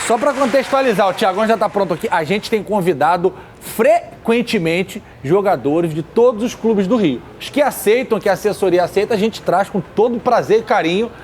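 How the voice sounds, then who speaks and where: A man with a Rio de Janeiro accent hosting a football show, lively and jokey. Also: high-pitched, moderate pace, hardly any pauses, a little hiss or hum. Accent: Brazilian Portuguese, Rio de Janeiro. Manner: lively, jokey, hands over to reporters. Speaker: show host. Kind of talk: hosting studio debate.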